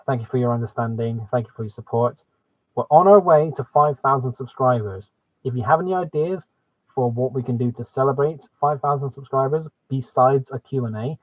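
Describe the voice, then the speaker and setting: A man speaking at medium pitch with a darkish tone enthusiastically chats and exclaims to viewers during his casual hobby live stream. His microphone is muffled and the sound is dry and close, with no echo.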